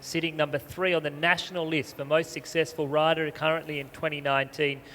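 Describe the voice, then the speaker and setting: A man's voice: a little high, flat delivery, brisk, sharp tone. Male sports announcer in reverberant arena. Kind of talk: informative live sport commentary, reading competitor profiles. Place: large show arena over loudspeakers. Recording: reverberant stadium PA with background noise.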